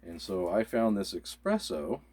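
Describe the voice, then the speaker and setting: A man with a low, husky voice talks through supplies in a relaxed, casual chat. He explains each item step by step in an easygoing manner. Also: measured pace. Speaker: co-host of a prepping channel.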